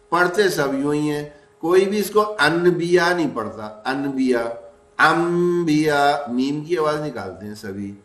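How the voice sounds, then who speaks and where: A fairly high-voiced man teaches a recitation lesson in a patient, questioning way, drawing out each example word slowly. He sits some way from the mic, and the room rings with a noticeable echo. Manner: patient, asks rhetorical questions and stretches out example words. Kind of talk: recorded lesson. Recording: echoey room, mic at a distance.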